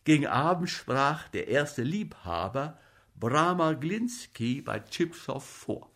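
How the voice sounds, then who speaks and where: A man narrating a story as an audiobook reader in a slow, lively way. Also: a little high.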